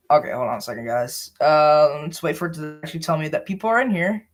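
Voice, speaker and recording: Young male streamer, lively up-and-down voice, slightly high, loose rambling chat full of ums. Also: moderate pace. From American South. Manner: rambling, filler-heavy, talks to viewers while setting up. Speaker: live streamer. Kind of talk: casual live stream chat.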